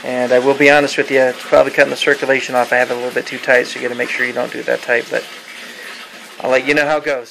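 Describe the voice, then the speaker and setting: Halting man in a casual vlog. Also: mid-range voice, fairly bright tone. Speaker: vlogger.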